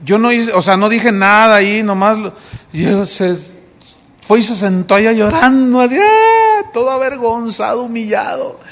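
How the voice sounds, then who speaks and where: A man's voice: high voice, moderate pace. A male pastor with a Mexican Spanish accent, preaching a sermon and telling a story in which he acts out the dialogue. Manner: lively storytelling, acting out dialogue. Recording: long reverb of a church hall.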